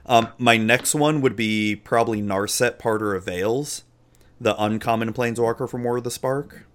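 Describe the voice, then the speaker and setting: A man in the middle of his range talks about his hobby in a relaxed, unhurried way. He jokes around and fills gaps with ums and restarts, like he's chatting with a friend on a podcast. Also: medium pitch. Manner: laid-back, joking, trailing off with fillers. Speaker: podcast co-host. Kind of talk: casual chat about a card game.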